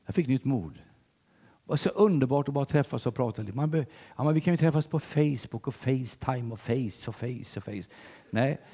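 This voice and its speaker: An older man preaching a sermon in church, telling stories with big swings between loud and hushed delivery. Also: medium pitch, expressive, slightly rough, in a large hall.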